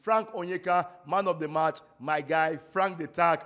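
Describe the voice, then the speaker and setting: Hosting a relaxed football roundup, a Nigerian man speaks at a moderate pace in a fairly bright voice on the high side, with fairly even intonation. He chats freely, now and then trips over foreign names, and drops pidgin asides.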